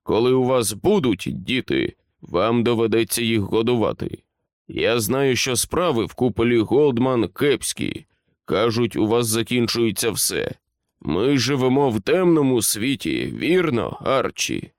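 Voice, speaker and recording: A man reading aloud, playing a stern middle-aged general who talks in a clipped, commanding, measured way. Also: mid-range voice, sing-song, no room sound, clean studio sound. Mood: menacing.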